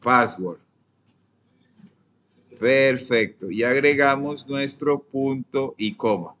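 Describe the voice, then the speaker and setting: Slow-speaking Colombian man teaching code. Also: medium pitch. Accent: Colombian Spanish. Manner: asks students questions and dictates code; often trails off softly. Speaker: programming teacher. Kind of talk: live coding lesson.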